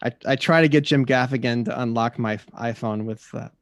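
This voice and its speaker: A man's voice: mid-range voice, brisk, no room sound, studio quality. A man as a podcast guest in casual chat, telling easygoing anecdotes with chuckles.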